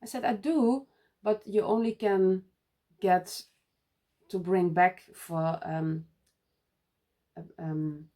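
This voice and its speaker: A woman from the Netherlands, a native Dutch speaker, tells a casual vlog story at an unhurried, slow pace. She talks in a halting way, restarting her sentences and laughing softly, and her voice sits a little low. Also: fairly even intonation. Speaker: needlework vlogger.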